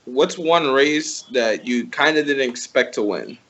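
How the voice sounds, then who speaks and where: A man's voice: medium pitch, lively intonation, unhurried, fairly bright tone, muffled recording. A man in a casual chat who asks the others questions and teases them.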